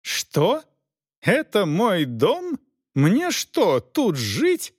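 A man's voice: high voice, wildly swooping pitch, drawn-out words, husky, no echo, clean studio sound, voice pushed up, full character voice. A man voicing a stubborn, haughty young noblewoman who shrieks with indignation in an audiobook. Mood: indignant.

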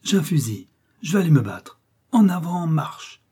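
A man reading aloud voices an excited little peasant boy who shouts martial cries and makes battle noises with his mouth. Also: on the high side, a little slow, husky, pitched above the performer's own voice, heavily acted. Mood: eager.

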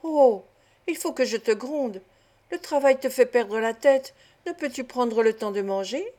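Woman reader doing a warm, playful young Parisienne; affectionate, teasing, audiobook. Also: fairly high pitch, expressive, measured pace. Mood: cheerful.

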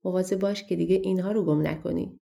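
A woman voicing a harsh, short-tempered male farmer who scolds and shouts, in a storybook reading. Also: fairly low pitch, steady tone, creaky. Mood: stern.

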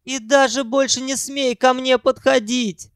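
A man doing a shrill, pompous pop singer. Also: fairly even intonation, no echo, studio quality, heavily acted. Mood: shrieking. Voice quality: high, whiny and shrill. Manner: haughty, quick to shout and threaten. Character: pompous, squeaky male pop singer, self-important and touchy.

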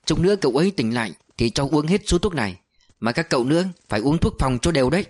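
A man as a brisk army medic. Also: fairly high pitch, animated. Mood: instructive. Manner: brisk, instructive.

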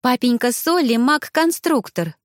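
A woman voicing an eager, timid young female friend who talks in a bright, gushing way. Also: high-pitched, animated, a little slow, dry recording, studio quality, voice pushed up.

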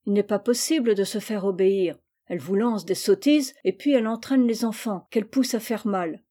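A woman's voice: mid-range voice, moderate pace, dark tone, husky, natural voice. A woman reading aloud and voicing a complaining household nanny in a storybook, speaking indignantly.

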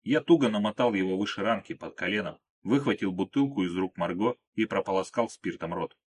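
A man reads a first-person audiobook in a calm, measured way. His voice sits low and sounds husky. The telling stays even and unhurried. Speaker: audiobook narrator.

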